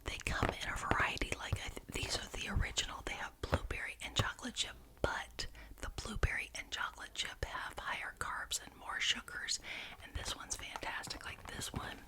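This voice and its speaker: A woman's voice: moderate pace, rough recording. Whispering woman in an ASMR ramble. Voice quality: breathy unvoiced whisper. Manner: enthusiastic, repetitive rambling with gentle emphasis. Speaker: ASMR video creator.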